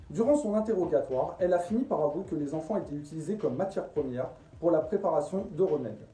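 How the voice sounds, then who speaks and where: Muffled, very dark-voiced man narrating in a roomy space. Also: on the high side. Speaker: storyteller, channel host. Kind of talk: scripted true-crime narration. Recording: roomy echo, distant from the mic.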